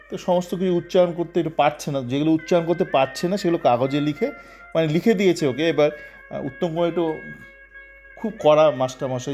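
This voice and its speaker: Man, casual football commentary, sarcastic, rambling, lots of fillers, slightly high voice, faint background music. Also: a little mellow. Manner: acts out quotes in raised, agitated voices.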